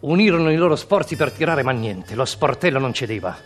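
A man's voice: mid-range voice, animated, fairly quick, soft background music. A man telling a comic story on the radio in a mock-dramatic, theatrical way.

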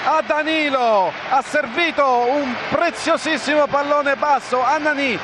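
A man giving breathless, excited live football goal commentary, repeating phrases as attacks build and shouting out the goals. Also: very high voice, a little slow. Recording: very noisy stadium, loud crowd. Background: loud crowd.

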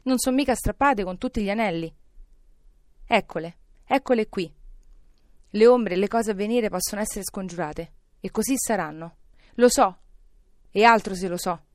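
A woman's voice: medium pitch, normal speed, pauses often, a little mellow, dry recording, studio quality, close to an everyday voice. A woman voicing an elderly man, a reformed miser, overjoyed and breathless, exclaiming between laughter and tears. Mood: giddy. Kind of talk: audiobook character reading.

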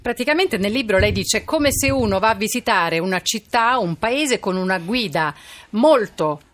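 A woman hosting a radio interview, introducing the guest and his book in a measured, reflective way. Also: medium pitch, expressive, fairly bright tone. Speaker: radio host.

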